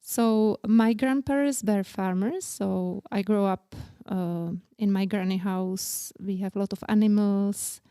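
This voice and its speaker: A woman in her forties with a Czech accent, speaking English as a second language, telling about her life as an interview guest in halting, earnest sentences. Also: medium pitch, fairly even intonation, dark tone, clean tone, no room sound, studio quality. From Czech Republic. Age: 40s. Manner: halting non-native English, plain and earnest. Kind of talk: casual interview.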